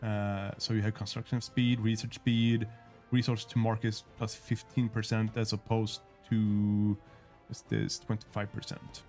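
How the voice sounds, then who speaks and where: Speaking in a level, unhurried way, a game developer with a slightly mellow, lowish voice casually walks through a strategy game on a livestream, faint music behind him. He is not a native English speaker and hesitates often, with many fillers and restarts.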